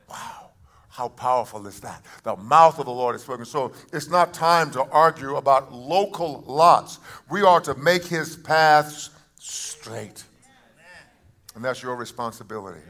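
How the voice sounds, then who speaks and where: A man preaching a sermon to a congregation, shifting between quiet asides and loud emphatic calls and often restarting his phrases. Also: mid-range voice. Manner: repeats words and restarts phrases. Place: church service before a congregation.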